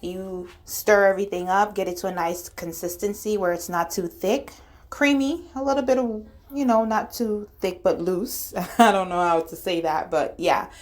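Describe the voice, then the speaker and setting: A woman's voice: medium pitch, moderate pace. A woman with an Antiguan accent giving a casual, chatty cooking tutorial as the host of her channel. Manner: informal, chatty, instructional.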